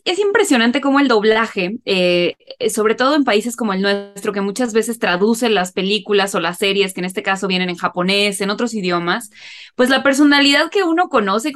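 A woman's voice: a little high, expressive, normal speed, a bit bright. A woman interviewer asking earnest, searching questions in a conversational interview.

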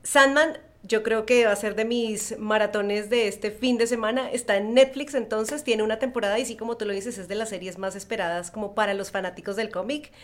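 A woman's voice: mid-range voice, steady tone, fairly quick, hardly any pauses. A woman co-hosting a podcast in casual chat, telling stories expressively with lots of filler phrases. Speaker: podcast co-host.

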